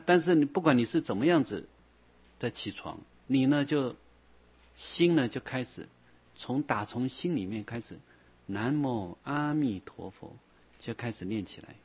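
A husky man gives a patient Buddhist dharma talk. He circles back over each point, softening his phrases with a drawn-out "ah". The recording sounds dull and lo-fi. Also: medium pitch. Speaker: Buddhist teacher. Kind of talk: dharma lecture.

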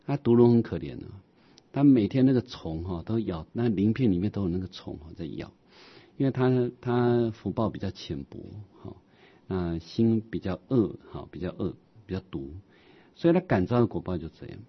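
A man teaching a Buddhist sermon on scripture, explaining as he goes, with many drawn-out "ah" fillers and rhetorical questions. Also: lowish voice, animated, husky, lo-fi sound.

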